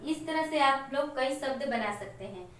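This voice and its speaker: A woman teacher explaining a Hindi lesson to children slowly and step by step, with example words. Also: sits high, expressive, a bit bright. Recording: echoey room, mic far off, faint noise.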